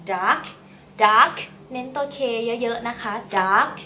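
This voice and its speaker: Young Thai-accented mom, very slow, bright and animated, patient word drills for a toddler. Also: female voice, on the high side, slight background noise. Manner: patient, exaggerated careful pronunciation. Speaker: mother teaching her toddler. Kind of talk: slow coaxing English word drills for a small child.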